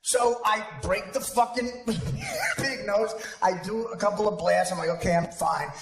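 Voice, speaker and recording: A man's voice: high voice, unhurried, fairly bright tone, faint music behind. A man telling a profane, self-mocking comic story on stage to a live audience, recorded in an echoey hall. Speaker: comedian. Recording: echoey hall with background noise.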